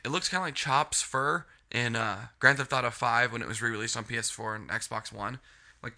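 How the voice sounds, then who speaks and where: In a sharp-toned, mid-range voice, a man rants casually about a video game, rambling and frustrated. He swears heavily and sounds sniffly from a cold.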